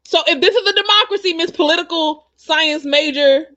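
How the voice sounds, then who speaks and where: Brief: woman host, high voice, animated and defensive, on muffled lo-fi call audio. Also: fairly quick. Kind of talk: casual chat.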